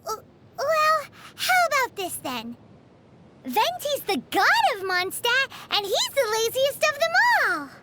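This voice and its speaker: Paimon, a squeaky cheeky sprite. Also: female voice, sing-song, measured pace, background noise, heavily acted. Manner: bubbly, cheeky, refers to herself by name. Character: tiny cheeky floating girl companion, chatty. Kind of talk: video game dub dialogue. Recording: game audio with music behind.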